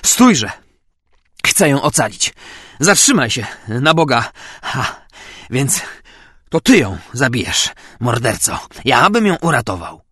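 A man's voice: mid-range voice, wildly swooping pitch, measured pace, bright, forceful tone, breathy edge, no echo, clean studio sound, full character voice. A man doing a shaky guilt-ridden baron. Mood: frantic. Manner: trembling, wavering voice, then commanding. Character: frightened middle-aged male baron accomplice. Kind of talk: audiobook character reading.

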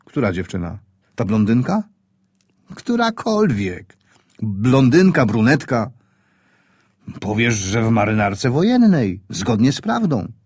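A man voicing a gruff older sailor comrade who speaks in a dry, teasing, low-key way. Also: big pitch swings, slow, pauses often, a little mellow, no echo, full character voice.

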